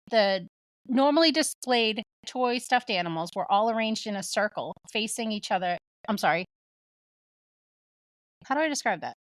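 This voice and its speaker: A woman co-hosting a casual podcast, retelling a haunting with light laughter and voiced quotes. Her voice sits a little high. The recording is close and dry. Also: fairly bright tone, no room sound. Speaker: podcast co-host. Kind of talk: comedic storytelling chat.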